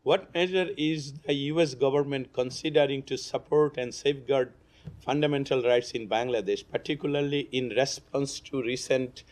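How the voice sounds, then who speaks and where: A hoarse man speaks up from the press seats, his voice nearly gone. He poses long, formal questions in a polite tone. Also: medium pitch, moderate pace, darkish tone. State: hoarse, lost voice. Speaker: reporter. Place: briefing room.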